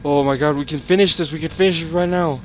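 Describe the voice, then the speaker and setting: A young man playing a horror game, swearing, panicking and yelling at what chases him. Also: on the high side, fairly even intonation, quick pace, music in the background. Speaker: gameplay streamer.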